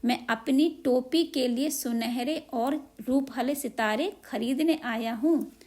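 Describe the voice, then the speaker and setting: A woman's voice: sits high, slow, darkish tone. A woman voicing a cheeky, stubborn male mouse in a children's story, making demands and singing little threats. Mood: demanding. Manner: sing-song threats, insistent.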